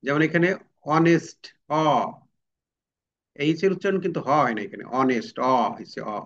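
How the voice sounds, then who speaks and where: A man with a somewhat high voice teaches an exam-prep grammar lesson. He works step by step, repeats each example and keeps asking the class questions. The recording sounds dull and lo-fi. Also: lively intonation, normal speed, a bit bright.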